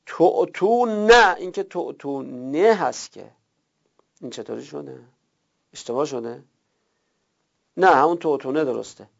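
A man teaching a Quranic Arabic grammar lesson, drilling verb forms slowly one by one. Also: medium pitch. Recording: gravelly, dull lo-fi recording.

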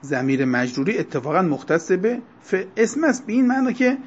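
A man teaching a grammar class, explaining terms one by one, slowing down and stressing key words. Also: high voice, big pitch swings, a little hiss or hum. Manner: explanatory, lecturing to students, slow deliberate stresses on terms. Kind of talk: Arabic grammar lecture. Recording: dull lo-fi recording.

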